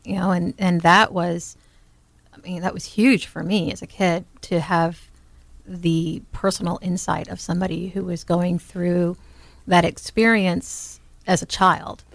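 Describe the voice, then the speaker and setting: A woman co-hosting a podcast, talking in a thoughtful, halting casual way. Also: lowish voice, flat delivery, vocal fry, no room sound. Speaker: podcast co-host. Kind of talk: casual chat.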